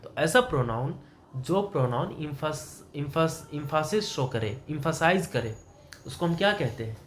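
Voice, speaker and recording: A man giving a classroom grammar lesson in a somewhat higher voice. He keeps asking the student questions and then answers them himself, moving between Hindi and English terms. Faint room noise sits behind him. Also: lively intonation, takes it slowly. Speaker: English teacher.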